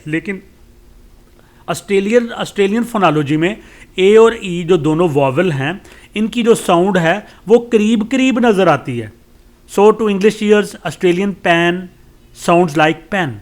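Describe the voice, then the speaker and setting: Man, Pakistani accent, teacher, fairly high voice, reads slowly, explains with many fillers. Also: animated. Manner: reads English lines slowly, then explains them in Urdu with many fillers. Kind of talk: lecture explaining a course text.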